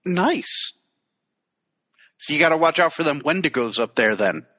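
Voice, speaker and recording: A man's voice: fairly high pitch, lively intonation, a little slow, sharp tone. A man hosting a podcast, easygoing, laughing along in casual chat. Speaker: podcast host.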